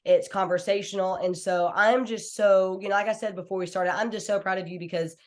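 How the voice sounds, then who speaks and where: A woman's voice: medium pitch, fairly even intonation, brisk, darkish tone. An American woman in her thirties, hosting a podcast in an informal, conversational, enthusiastic way. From small town in Washington, United States. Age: 30s. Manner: enthusiastic, informal, uses y'all and like. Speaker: podcast host. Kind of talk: chill, conversational interview hosting.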